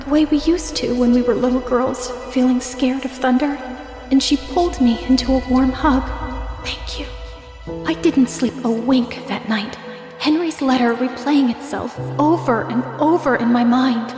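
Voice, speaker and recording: Taking the role of a wronged young stepsister, furious and heartbroken, a woman tells her own story in dramatic first-person narration. Her high-pitched voice moves a little slowly, and the delivery is intense and emotional, tense and full of sorrow. Prominent music plays beneath her reverberant voice.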